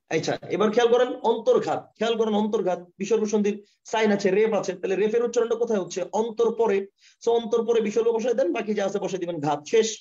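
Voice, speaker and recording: A man with a Bangladeshi Bengali accent teaching grammar in a live online class over a computer mic. He explains step by step, repeats himself and keeps asking students if the concept is clear. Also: high voice, dark tone. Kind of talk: live online lesson with screen share. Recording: dull, lo-fi online class audio.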